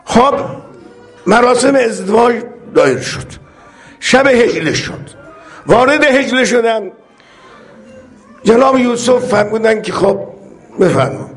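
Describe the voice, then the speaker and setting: Male preacher, very high voice, humorous storyteller who acts out the characters. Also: sing-song, long pauses. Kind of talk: religious sermon with storytelling.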